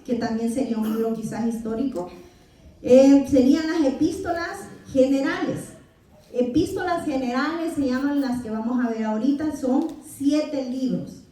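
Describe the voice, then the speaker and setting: A high-pitched, dark-toned woman from El Salvador leads a Bible class in a church hall, quizzing the group and replying with "amen." The recording is echoey and picked up from a distance.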